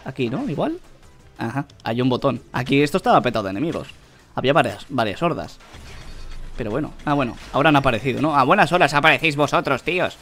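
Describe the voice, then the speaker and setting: Excitable young man gaming. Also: mid-range voice, fast talker, soft background music. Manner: excitable, yelps and laughs while playing. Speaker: gaming channel host. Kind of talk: gameplay commentary.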